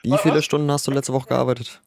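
Playing a police officer in a game, this streamer chats casually and a bit grumpily about his shifts. His medium-pitched voice is fast and creaky, with little pitch movement and a crowd audible behind him.

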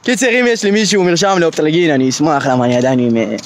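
A man telling a comic story in a monologue, excitable, with mock-panicked outbursts. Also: on the high side, no echo. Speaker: comedian.

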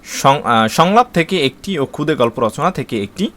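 A man from Bangladesh explaining an exam syllabus to students in a spoken lesson, reading out long lists steadily and pausing with frequent "uh" fillers and restarts. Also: on the high side, expressive, fairly bright tone. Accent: Bangladeshi Bengali.

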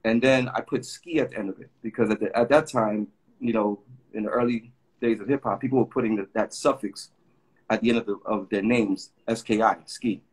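On a webcam video call with poor audio, a middle-aged graffiti artist from Puerto Rico talks casually through rambling, filler-filled stories. His voice is lowish and husky, and he speaks a little fast.

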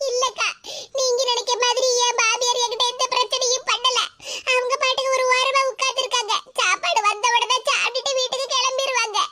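A woman's voice: flat delivery, a little fast, bright, forceful tone. A woman voicing a sulky, jealous young married woman in a cartoon, complaining in a Tirunelveli Tamil accent. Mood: whiny. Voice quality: high and squeaky. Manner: whiny, complaining.

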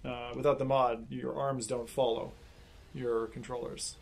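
A middle-aged man with a creaky voice, casually explaining things in conversation as a streamer hosting a gaming chat. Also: mid-range voice, level tone, unhurried. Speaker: streamer and host. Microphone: binaural recorder, seated in headset.

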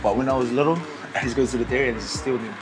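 Very fast and mid-range, a New Zealand-accented man in his thirties banters in slang as an interviewed barber, tossing around "man" and "bro" playfully. The recording is very noisy, set indoors in a small convenience store with music in the background.

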